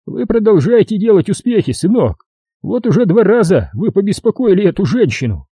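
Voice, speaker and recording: Narrator doing a smug mocking cop voice, high and husky, dry close sound. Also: male voice, sing-song, brisk, warm tone, no echo, exaggerated voice. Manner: sarcastic, condescending. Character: mocking, stern male police detective.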